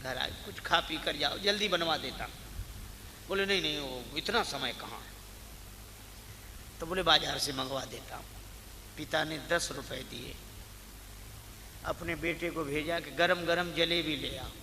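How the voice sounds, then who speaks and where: A middle-aged man giving a devotional sermon, chanting verses and letting his voice swell for emphasis before dropping low. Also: unhurried, long pauses, bright, forceful tone. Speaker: religious storyteller. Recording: long hall reverb with faint noise.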